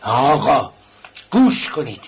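A man voicing a pompous middle-aged suitor who speaks with stiff, indignant formality in a husky voice. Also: mid-range voice, very animated, lo-fi sound, exaggerated voice.

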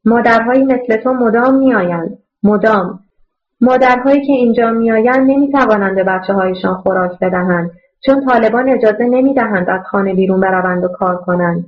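A woman reading an audiobook voices a kind, earnest man who runs an orphanage, speaking in a gentle, reassuring way. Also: a little high, dull audio, close to an everyday voice. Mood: consoling. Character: kind middle-aged male orphanage director, earnest.

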